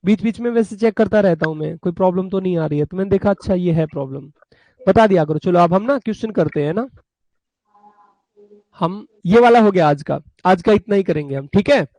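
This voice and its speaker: His voice sits high and a little mellow, and he talks fairly quickly with no room sound. In a live online session, he illustrates legal ideas with small acted stories, taking on the roles of buyer and seller, and addresses students in a chatty, fatherly tone.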